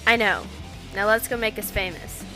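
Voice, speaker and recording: A woman's voice: medium pitch, fairly even intonation, moderate pace, bright, forceful tone, natural voice. A woman playing a bold, determined young female rebel who speaks confidently and persuasively. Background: music.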